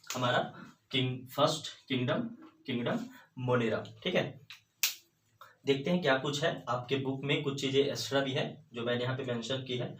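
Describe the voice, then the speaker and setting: A man teaching a biology lesson. He explains step by step, keeps checking in with "theek hai", and puts rhetorical questions to the class. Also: mid-range voice. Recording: roomy echo, distant mic, faint room noise.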